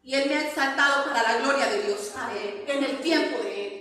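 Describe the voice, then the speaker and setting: A woman's voice: sits high, a little fast, a crowd in the background. A woman preaching a sermon in a church, stressing her points and often asking the congregation to answer back. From Colombia. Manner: emphatic preaching with frequent call-and-response questions to the congregation. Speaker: pastor. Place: church sanctuary. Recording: very echoey hall, voice from far off.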